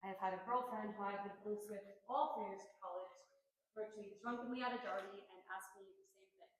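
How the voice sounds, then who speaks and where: A woman's voice: mid-range voice, fairly even intonation, a little fast, reverberant, slight background noise, poor audio. Earnest young woman performing a monologue. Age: young adult. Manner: earnest, reflective storytelling with dramatic emphasis. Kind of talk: theatrical personal monologue.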